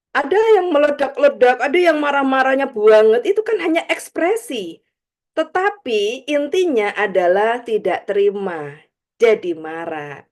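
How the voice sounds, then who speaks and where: A woman giving a live spiritual study talk in a chatty way, laughing often and tagging her points with little asides. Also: sits high. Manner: chatty, laughs often, frequent "gitu ya" tags; acts out examples in quoted voices. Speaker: spiritual teacher.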